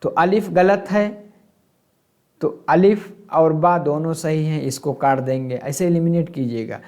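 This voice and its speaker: A man's voice: on the high side, unhurried, darkish tone. A man teaching an exam-prep lesson, asking questions and answering them himself and glossing terms in English.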